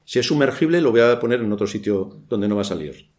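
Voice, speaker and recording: A man's voice: mid-range voice, lively intonation, fast talker, darkish tone. A man from Spain with a Spanish accent preaching a church sermon, asking rhetorical questions and adding dry ironic asides.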